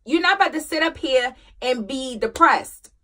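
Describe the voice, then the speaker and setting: A woman hosting a motivational talk as a single mother. She speaks emphatically, repeats her phrases, and moves from loud urging to quiet confession. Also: sits high, lively intonation, moderate pace. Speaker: host.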